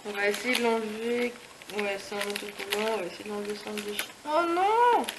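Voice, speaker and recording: A young beauty and lifestyle vlogger chats casually through an unboxing review, gushing over the item with many fillers and restarts. Her mid-range voice is flat and fast, recorded in an echoey room with background noise.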